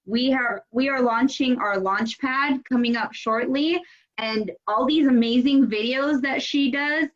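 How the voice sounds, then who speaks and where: A chatty, upbeat woman hosting a casual interview over a video call. Her voice sits a bit high, and the call audio comes through muffled and lo-fi. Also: measured pace. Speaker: host, company head. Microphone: video call microphone.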